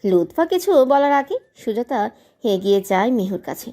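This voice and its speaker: A woman's voice: medium pitch, moderate pace. A woman narrating a dramatic audio love story with emotive delivery. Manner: emotive, expressive.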